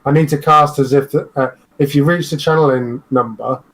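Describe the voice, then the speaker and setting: A man's voice: mid-range voice, steady tone, moderate pace, fairly bright tone. A man chatting casually as a player in a tabletop role-playing game. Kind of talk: casual chat.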